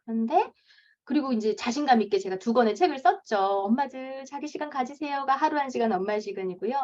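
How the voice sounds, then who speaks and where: A woman's voice: high-pitched, expressive, quick pace, darkish tone. A woman in her thirties, a parenting coach, giving a lecture and acting out parents' lines in a raised voice. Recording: dull lo-fi lecture recording.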